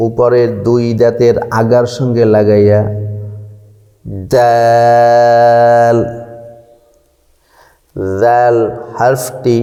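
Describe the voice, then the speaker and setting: A man gives a slow, measured lesson and draws out each letter sound at length. His voice is dark and mellow with a flat, even pitch. A long reverb trails behind him. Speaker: Quran recitation teacher. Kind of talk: slow instructional explanation.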